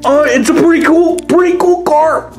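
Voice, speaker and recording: A man playing a hyper-excited young boy hosting a toy review show, gushing over every detail. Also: very high voice, moderate pace, over loud music. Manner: gushing, shrieking enthusiasm. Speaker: kids channel host.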